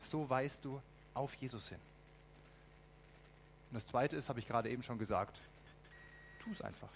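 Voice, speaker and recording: A man preaching a lively sermon, asking the congregation direct questions and adding ironic asides. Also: mid-range voice, normal speed, a little hiss or hum.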